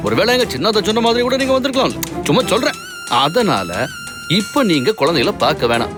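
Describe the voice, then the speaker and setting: An actor playing a wary son-in-law in a TV serial who speaks bluntly and with suspicion. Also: male voice, high-pitched, very animated, quick pace. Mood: suspicious. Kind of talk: TV serial acting. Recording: music score behind.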